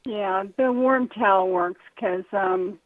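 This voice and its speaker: A woman caller, hoarse and still getting her voice back, chatting casually and rambling with lots of fillers. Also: medium pitch, takes it slowly, no echo. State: hoarse, recovering voice. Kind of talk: casual call-in chat. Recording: tinny phone line.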